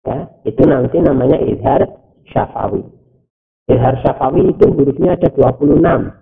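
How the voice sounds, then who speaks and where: A man teaching Quran recitation rules, explaining step by step and reciting verses slowly with drawn-out words. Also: mid-range voice, lively intonation, creaky. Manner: slow, deliberate, drawn-out recitation with repetition. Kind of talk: recorded teaching video. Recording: tinny, phone-like, narrow sound.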